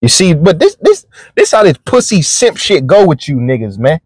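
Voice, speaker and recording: A man's voice: a little high, big pitch swings, normal speed, husky, no room sound. A man giving casual, mocking reaction commentary, blunt and heavy with profanity. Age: adult, a father. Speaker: religious commentator.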